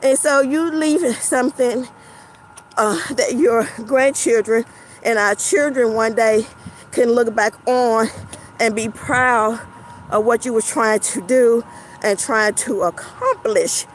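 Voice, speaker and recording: Breathless lady vlogging on a winter walk, kinda high voice, drawn-out slow talk, faint traffic behind. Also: low-quality recording. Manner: slow, rambling, with many fillers. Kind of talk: casual talk while walking. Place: outdoors on a snowy winter path.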